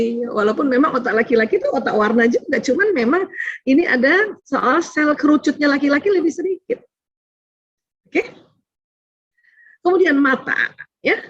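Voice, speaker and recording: A middle-aged woman lectures an audience of mothers in a bright, high voice. She laughs often and acts out family dialogues. The sound is close and dry, a little dull. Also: no echo. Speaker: doctor giving a talk to mothers. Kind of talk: lively religious lecture.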